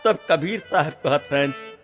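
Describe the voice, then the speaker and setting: Slow high-voiced Bhojpuri storyteller man. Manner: slow, preaching, addresses listeners as friends. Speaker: folk singer and storyteller. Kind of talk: devotional Birha storytelling between sung refrains. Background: faint instrument music.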